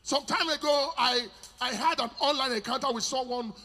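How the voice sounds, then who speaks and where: A male evangelist preaching fervently at a crusade in short repeated phrases, pausing for an interpreter, then leading shouted prayer and chant. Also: very high voice. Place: open-air crusade stage. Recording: loud worship music behind.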